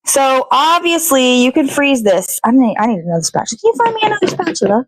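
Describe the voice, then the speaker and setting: A woman who hosts a daily puppet show chats casually while cooking, rambling to herself and swearing freely. Her voice sits high with big pitch swings, and she talks fast. The recording is dry and low in quality.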